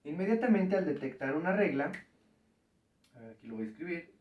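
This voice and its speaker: A man's voice: fairly high pitch, very animated, a little fast, recorded from a distance, lo-fi sound. A man teaching a recorded math lesson at the board, patiently explaining step by step and checking in with the students. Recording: echoey room, voice from off-mic.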